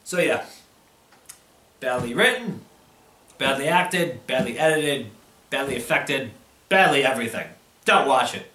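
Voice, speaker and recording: A man's voice: medium pitch, animated, unhurried, pauses often, bright, forceful tone. A man giving an angry, drunken, rambling movie review, exasperated and swearing heavily as he loses his thread. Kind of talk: ranting film review. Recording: roomy, echoing voice recording.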